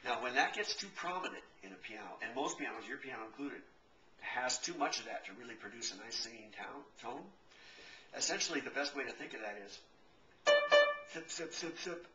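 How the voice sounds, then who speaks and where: A man's voice: medium pitch, expressive, brisk. A middle-aged man explaining piano tone in a casual, rambling way, often correcting himself mid-sentence. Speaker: piano technician. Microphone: camcorder. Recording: echoey room, camcorder from a distance.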